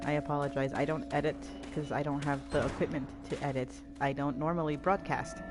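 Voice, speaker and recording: A woman's voice: low-pitched, fairly even intonation, brisk, music in the background. A woman giving scattered, self-deprecating commentary while playing a game. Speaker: gamer reviewing a film. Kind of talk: casual rambling commentary.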